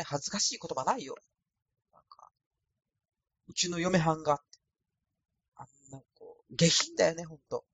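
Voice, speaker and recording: Rambling casually and poking fun at himself, this solo podcast host from Osaka has a thin, light voice that is high-pitched and slightly rough. No echo has been added to the dry recording.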